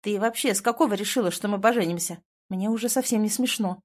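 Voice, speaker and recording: A woman's voice: medium pitch, quick pace, close to an everyday voice. A woman voicing a blunt, irritated young man in an audiobook, speaking in a curt, exasperated way. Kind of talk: audiobook character voice.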